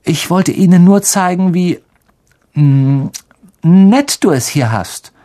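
A reader voicing an earnest, brisk schoolgirl in a raised, bright, placating tone. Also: medium pitch, lively intonation, pitched above the performer's own voice. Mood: soothing. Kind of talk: audiobook reading.

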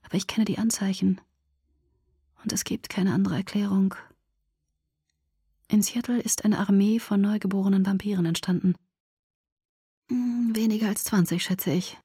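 A woman voicing a grim young male vampire soldier in a hushed, breathy whisper, brooding and slow, in an audiobook reading. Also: medium pitch, steady tone, no room sound, studio quality. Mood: grave.

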